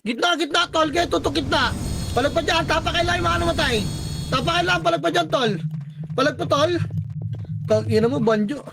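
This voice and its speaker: High-voiced man barking game calls. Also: vocal fry, background noise. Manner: barking rapid commands, counting down, swearing. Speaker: squad leader calling shots. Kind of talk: live team voice chat during a shooter match.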